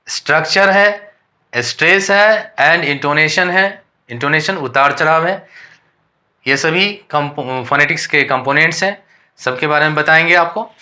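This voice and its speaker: An Indian-accented man gives a lesson at an unhurried, deliberate pace. His voice sits fairly high for a man and sounds bright and sharp. He reads each English definition slowly and then explains it by asking and answering his own questions. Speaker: English teacher.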